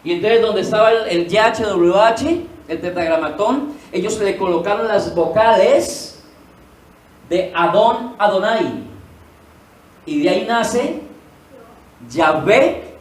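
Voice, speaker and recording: High-voiced male pastor in an echoey hall. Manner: asks the congregation rhetorical questions and answers them; emphatic, repeats key words. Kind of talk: teaching sermon. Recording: echoey room, voice from a distance, faint ambience.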